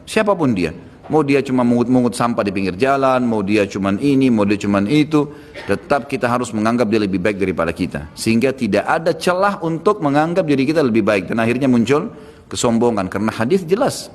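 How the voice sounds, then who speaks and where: A man delivering an emphatic sermon, moving between raised warnings and low solemn tones. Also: lively intonation, brisk. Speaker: preacher. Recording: reverberant hall with faint background noise.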